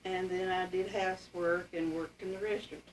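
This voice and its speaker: An elderly woman with an Appalachian accent and a fairly low voice. She talks in a plain, folksy, reminiscing way. The recording is faintly noisy, with the mic some distance off. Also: flat delivery, a little fast. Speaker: interviewee telling family history. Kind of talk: casual oral-history reminiscence.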